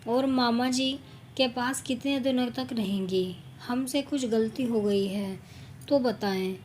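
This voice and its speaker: A woman's voice: fairly high pitch, slow pace, darkish tone, a little hiss or hum. A woman voicing a patient young daughter-in-law who speaks politely and pleadingly.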